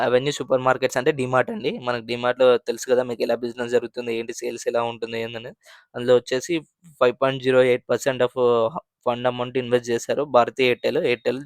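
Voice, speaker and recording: A man's voice: medium pitch, completely flat delivery, fast, no echo, clean studio sound. A man hosting a finance channel, explaining mutual fund figures in a conversational way, with frequent fillers and restarts. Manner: conversational, many fillers and restarts, mixes English terms.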